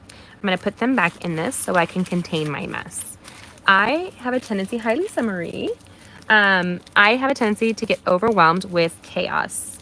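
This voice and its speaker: Animated and speaking at a normal pace, a medium-pitched craft demonstrator leads a chatty live card-making stream, encouraging her viewers by name with warmth. A mild allergy gives her voice a slight nasal quality, and the poor audio has a little hiss or hum.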